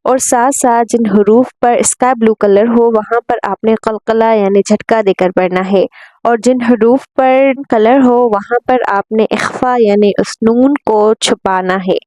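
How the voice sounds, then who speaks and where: A woman teaching tajweed, patiently explaining the rules and spelling out Arabic syllables in a drawn-out recitation. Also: a little high, steady tone, a little mellow, no room sound, rough recording. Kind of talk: tajweed lesson, spelling out letters and reciting slowly.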